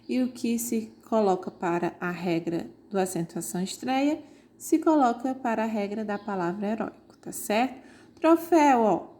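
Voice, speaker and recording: A woman teaching an online grammar lesson, explaining slowly and pointing out examples on screen. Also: fairly high pitch, warm tone.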